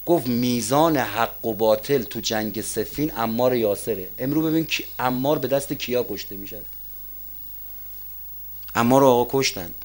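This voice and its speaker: A man giving a sermon, rising to loud emphatic peaks and dropping to quiet asides, reciting verse slowly. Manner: emphatic, rises to loud peaks then drops to low asides. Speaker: cleric preacher.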